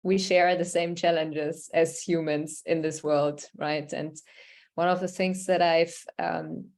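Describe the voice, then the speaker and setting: A German woman, facilitating an online workshop over a video call, speaks in a lower-pitched, slightly mellow voice. Her tone is level and her pace slow as she conversationally reads participants' answers aloud and responds.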